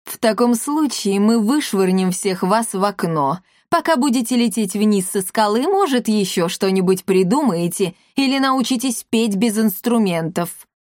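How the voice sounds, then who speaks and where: A woman's voice: mid-range voice, lively intonation, moderate pace, few pauses, a little mellow, no echo, clean studio sound, natural voice. Woman doing a roaring old ghost general. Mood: menacing. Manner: roaring, threatening. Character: old ghost general, gruff and menacing, male.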